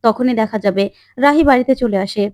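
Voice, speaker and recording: A woman's voice: on the high side, a little fast, a little mellow, dry recording, clean studio sound. A woman narrating a serial recap in a plain storytelling style.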